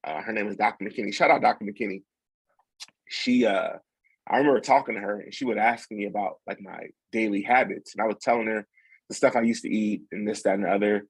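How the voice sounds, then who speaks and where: A young man, a podcast guest, telling a story in a relaxed, rambling way with plenty of fillers and restarts. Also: lowish voice, fairly quick, husky, no echo, poor audio. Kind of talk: casual storytelling.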